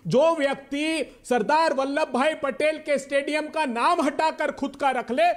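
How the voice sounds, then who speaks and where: A man with a very high-pitched voice argues as a party spokesperson on a heated TV debate. He is insistent and speechifying, repeating phrases to push through interruptions. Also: fairly even intonation, a little slow. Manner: oratorical, addresses absent leader rhetorically.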